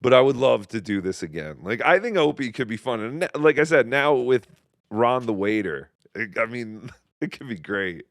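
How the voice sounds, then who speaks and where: A man co-hosting a podcast in casual chat, with dry, teasing deadpan humor. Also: medium pitch, normal speed, no echo. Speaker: podcast co-host.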